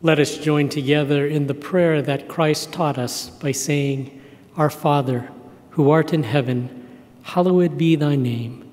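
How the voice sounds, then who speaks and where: A man in his fifties, a pastor, leading prayer and a benediction in a slow, solemn, measured way from the pulpit of a church sanctuary. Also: fairly high pitch, a little mellow. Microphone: pulpit microphone. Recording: hall reverb with organ music.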